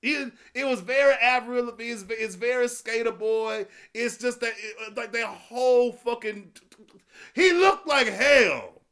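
High, bright-voiced man ranting profanely. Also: slow pace, clean tone. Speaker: podcast host. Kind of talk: solo commentary rant.

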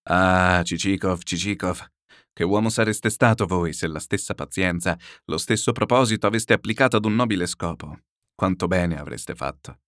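A man voicing a calm, pious older man who admonishes gently, slow and grave. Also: low-pitched, no echo, studio quality, pitched below the performer's own voice. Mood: grave gentle. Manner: slow, grave, quietly reproachful.

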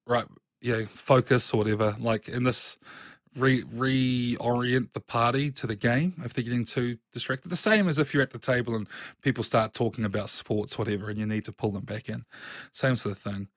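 Man, animated casual chat, swears a lot, dry close sound. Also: medium pitch, normal speed, no echo. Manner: animated, swears freely, emphatic. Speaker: game master podcast co-host.

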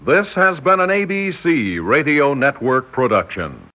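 A man's voice: medium pitch, big pitch swings, measured pace. A man with an American accent reading scripted credits as a formal 1960s network radio announcer. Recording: dull vintage radio recording, orchestral music behind.

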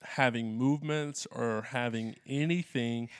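A man's voice: medium pitch, steady tone, a little slow, clean tone, dry recording, clean studio sound. A pastor talking earnestly in a conversation, retelling his exchanges with congregants and playing their quoted voices with animation. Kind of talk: conversational discussion.

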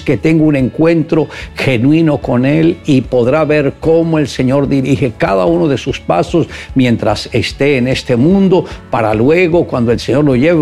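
A man delivers an earnest sermon and urges his listeners toward faith before leading them in prayer. His voice carries a gravelly, creaky edge at a middle pitch. Soft music plays faintly in the background. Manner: earnest, exhortative. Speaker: preacher.

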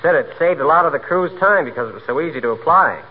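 A man's voice: a little high, animated, fast, husky. An actor playing an earnest young merchant seaman, polite and deferential, in 1940s radio style. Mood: eager, polite. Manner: deferential, boyish. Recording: tinny narrow-band 1940s radio broadcast.

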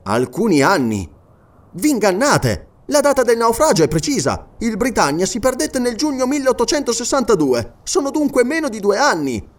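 A man's voice: extremely high pitch, wildly swooping pitch, moderate pace, recorded from a distance, pitched above the performer's own voice, heavily acted. A man reading aloud and voicing an impatient noble lord who questions and contradicts with urgency. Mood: urgent.

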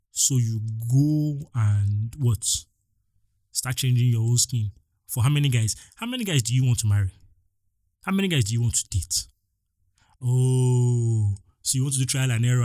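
A young man with a Nigerian accent hosting a solo podcast, talking in an animated, exasperated way straight to his listeners. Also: mid-range voice, no room sound, studio quality. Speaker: podcast host.

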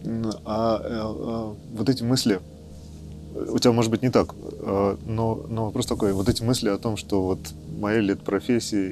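A man's voice: fairly low pitch, a little mellow. A man hosting a casual podcast conversation, rambling and hesitant with many fillers.

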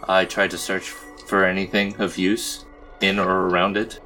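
A man's voice: low voice, flat delivery, normal speed, pushed and bright, soft background music. A man playing a tabletop role-playing game, answering the game master in plain, matter-of-fact replies. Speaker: player. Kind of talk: casual play at a tabletop game.

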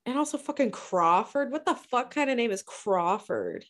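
A woman co-hosting a casual book discussion, blunt and swearing freely with quick asides. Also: fairly high pitch, very animated, a bit bright. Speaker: book podcast co-host.

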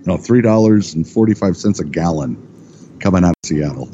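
A middle-aged man with a deep, dark voice talks casually as a guest, rambling and stopping to correct himself. The recording is dull and muffled, with a faint hiss underneath. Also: expressive, normal speed. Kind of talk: casual chat.

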